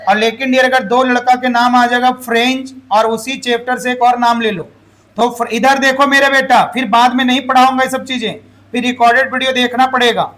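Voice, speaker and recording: A man teaches English grammar to a classroom. His voice sits very high for a man. He keeps throwing questions at the students and has them repeat the answers aloud. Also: level tone, fairly quick, fairly bright tone. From Jharkhand, India.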